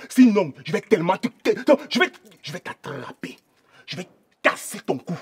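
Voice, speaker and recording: Guy doing a husky thug, high lively voice, all threats and yelling. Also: fairly quick, full character voice. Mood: menacing. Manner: threatening, shouting. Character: menacing young male thug demanding to see his girlfriend.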